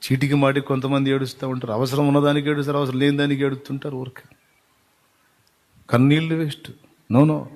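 A man's voice: medium pitch, flat delivery, fast talker, long pauses, darkish tone, in a large hall. A man preaching a sermon as a pastor, exhorting with emphatic repetition.

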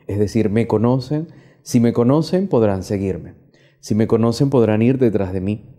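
In a small indoor chapel, a man in his thirties serving as priest reads from the gospel before giving a homily. He teaches in a steady, measured way, returning again and again to questions for the congregation, his voice low-pitched and dark in tone.

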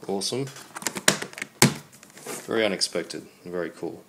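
A man's voice: low voice, normal speed. An Australian man hosting a casual unboxing, his voice congested from a cold, speaking in an understated, appreciative way. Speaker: video host. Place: indoors at a computer desk. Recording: steady background noise.

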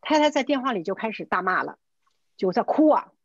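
Her voice is fairly high with a breathy edge, and she talks fairly quickly as a middle-aged real estate agent telling a casual, lively story. She performs the quoted exchanges and mixes in English words, all captured over a lo-fi video call with no room sound.

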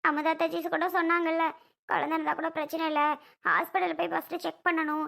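High, quick, tearful young wife, acted by a woman; stubborn sulking. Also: flat delivery, creaky, pushed and bright, exaggerated voice. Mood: pleading. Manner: stubborn, plaintive. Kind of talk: family skit acting.

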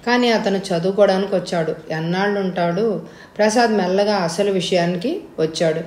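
A woman narrating a story as an audiobook reader, with a steady, measured delivery. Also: medium pitch. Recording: echoey room.

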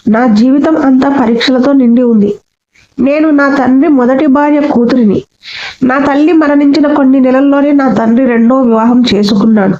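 A woman narrating a sad story in the first person, slow and sorrowful. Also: sits high, mellow, dull audio.

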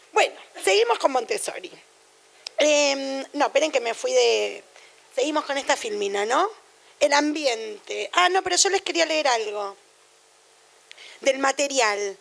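A woman's voice: sits high, vocal fry. A middle-aged woman with a Rioplatense Spanish accent giving a university lecture on education in a chatty, digressive way, full of anecdotes and asides.

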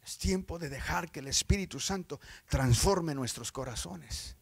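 A man preaching an evangelical sermon, swinging from loud exclamations to hushed storytelling, with repeated phrases and calls of amen. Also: on the high side, lively intonation, moderate pace, vocal fry, breathy edge. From Texas, USA. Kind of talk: Spanish-language sermon.

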